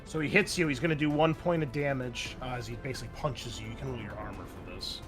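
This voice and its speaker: A man with a medium-pitched voice talks fast as he runs a tabletop roleplaying game as game master. He improvises action and rulings casually and profanely, thinking out loud, with loud music playing behind him.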